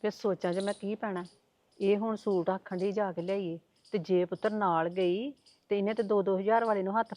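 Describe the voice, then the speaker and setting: Worried middle-aged mother played by a woman, fretful, plain middle pitch. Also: no echo, natural voice.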